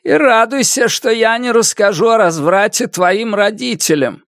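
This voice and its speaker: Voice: medium pitch, normal speed, a bit bright, no room sound, clean studio sound, pitched above the performer's own voice, lightly acted. An audiobook narrator voicing a harsh, spiteful old woman, a village witch, with a cutting tone. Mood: harsh, scornful. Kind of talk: audiobook reading.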